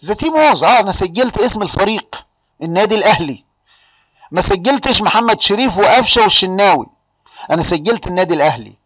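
A man with an Egyptian Arabic accent teaching an online English exam-prep lesson, lively and calling on students by name. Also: high voice, quick pace, no room sound, dull audio.

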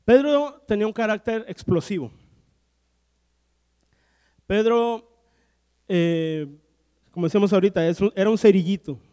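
A man preaching a sermon, telling Bible stories and acting out the characters' lines in a lively storytelling way. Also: high-pitched, moderate pace, pauses often, smooth. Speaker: pastor. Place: church hall. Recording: long church hall reverb.

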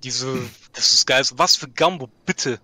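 Bright-voiced young man, dismissive. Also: medium pitch, a little slow. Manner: defensive, dismissive, interrupting. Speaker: streamer. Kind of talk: heated gaming argument.

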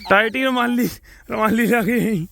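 A man's voice: very high voice, moderate pace, creaky, a bit bright, a little hiss or hum. A man with a Punjabi accent giving casual, joking, exclamatory commentary outdoors in a rural field as he films. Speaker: vlogger filming teammates at farm work.

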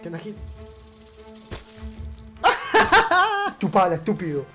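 A man's voice: high voice, slow pace. Argentine guy doing let's play commentary, voice jumps all over, swears and shrieks, faint music behind. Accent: Argentine Rioplatense Spanish. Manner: excitable, swears a lot, shrieks at scares. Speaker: gamer.

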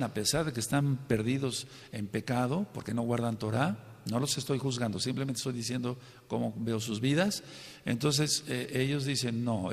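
A man's voice: mid-range voice, vocal fry, husky, long reverb tail. A male preacher teaching a Bible study sermon, emphatic, often asking the congregation to say amen and checking that they follow. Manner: emphatic, asks the congregation for amens and checks understanding.

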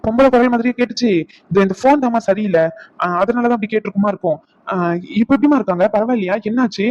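A man voicing a young hospital worker in a cartoon; he talks in a brisk, bossy way and mixes in English words. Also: sits high, darkish tone, lo-fi sound, lightly acted. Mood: polite. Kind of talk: cartoon voice acting.

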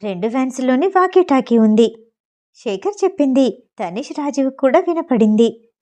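A woman reading a novel aloud as a storyteller, with a steady, even delivery. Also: sits high, moderate pace. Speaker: audiobook narrator.

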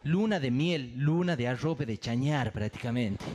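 A man's voice: mid-range voice, lively intonation, a little slow, darkish tone, breathy edge. A man doing live stand-up on a theater stage, telling bawdy stories into a stage microphone with a punchy rhythm. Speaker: stand-up comedian.

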